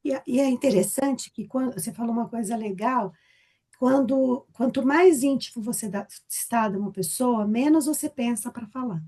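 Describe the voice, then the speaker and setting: A woman speaking casually in a church group discussion, lively and laughing through her examples. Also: on the high side, normal speed. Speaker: Bible study participant.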